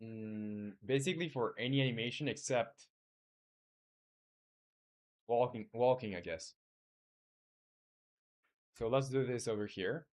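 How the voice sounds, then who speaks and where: Speaking in an unhurried mid-range voice that pauses often, a Chilean game developer codes live and thinks out loud. He chats casually with viewers, answering them in a friendly manner, and hesitates a great deal with many fillers and restarts.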